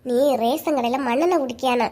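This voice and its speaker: A woman's voice: on the high side, a little fast, background noise, voice pushed down, close to an everyday voice. A woman voicing a bossy, scheming cartoon mother with a Kanyakumari Tamil accent, coaxing and ordering her kids. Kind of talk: cartoon voice acting.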